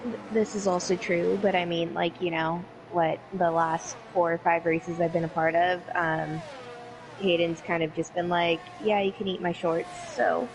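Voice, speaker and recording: A woman's voice: fairly low pitch, little pitch movement, moderate pace, a little hiss or hum, poor audio. A woman co-commentating a live sim race in a casual, hesitant way, laughing easily.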